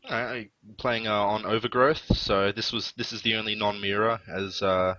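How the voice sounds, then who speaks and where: A man commentates on the match in an easygoing, matter-of-fact way. His voice is fairly low yet bright and forceful in tone. The sound is dry and a little dull, as from a cheap headset mic. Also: steady tone, normal speed, dry recording. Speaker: esports caster. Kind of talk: casual live game commentary.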